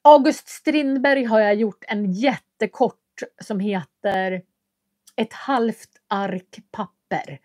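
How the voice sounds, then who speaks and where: A woman from Köping in Västmanland, Sweden, chats casually on a livestream as a language teacher, answering viewer comments with friendly hesitations. Her voice is medium-pitched and a little mellow, recorded with studio quality and no room sound.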